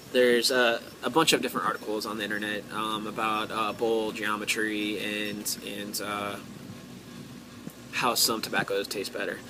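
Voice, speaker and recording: An American man talking casually to his viewers as a hobby vlogger, in a halting way, thinking aloud with drawn-out pauses. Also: fairly low pitch, background noise. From United States. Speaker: pipe-hobby vlogger and host. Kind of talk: casual solo talk to viewers.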